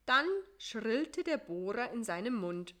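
A woman reading a children's story aloud as narrator, in a calm and measured way. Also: a little high.

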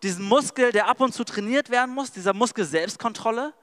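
A man's voice: very high-pitched, fairly quick, a bit bright, big-room sound. A male preacher giving a sermon. He retells scripture in casual, slangy language and talks straight to the audience. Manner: casual and slangy storytelling, addresses the audience directly.

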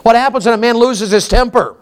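A man's voice: extremely high pitch, fairly quick, clean tone. A man, preaching a folksy sermon and often asking the congregation questions. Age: 50s.

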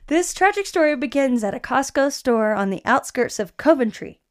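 A woman's voice: high-pitched, expressive, normal speed. A young woman co-hosting a casual podcast, reading an article aloud, swearing and stumbling over words. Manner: laughs often, swears, stumbles while reading. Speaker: podcast co-host.

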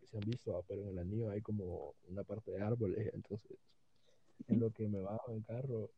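A young man telling a story excitedly and filling it with slang. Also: on the low side, slightly rough, muffled recording. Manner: excited, repeats the word maje. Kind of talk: casual storytelling chat.

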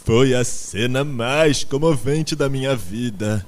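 A man voicing a sly, smooth-talking male pig who speaks with put-on sorrow, in an audiobook. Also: mid-range voice, voice pushed up, lightly acted. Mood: mock-sorrowful. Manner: mock-sorrowful, unctuous, slow.

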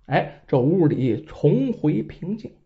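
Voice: medium pitch, slow. A storyteller narrating a bandit tale in a dramatic traditional style, with chatty asides to the listener. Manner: lively, dramatic, conversational asides. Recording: dull lo-fi recording.

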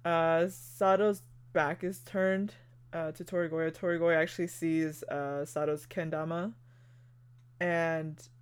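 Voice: mid-range voice, level tone, takes it slowly, clean tone. Easygoing podcaster retelling a plot. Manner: narrates plot steadily with fillers like "like" and "you know". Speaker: podcast co-host recapping an anime. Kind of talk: casual chat.

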